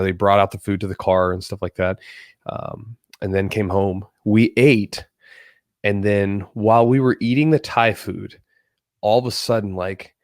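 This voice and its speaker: A man with a fairly low voice, a bit nasal and congested, hosts a podcast in a loose, rambling manner. He talks conversationally and repeats himself a lot, and the recording is studio quality with no room sound.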